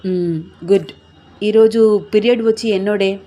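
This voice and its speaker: A woman's voice: medium pitch, fairly even intonation, normal speed, warm tone, slight background noise, natural voice. A woman voicing a kindly woman gynecologist who speaks frankly and encouragingly.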